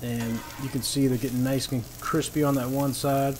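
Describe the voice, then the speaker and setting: A man with a mid-range voice speaks at normal speed, his pitch barely moving. As host of a cooking show, he gives relaxed, folksy instructions during a casual outdoor demo on a paved patio by a griddle, while food sizzles and fries audibly behind him.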